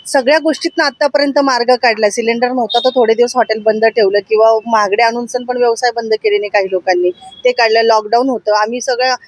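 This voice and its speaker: A hotel owner answering in a street interview, calm and earnest. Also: mid-range voice, fast, few pauses, dry recording, rough recording.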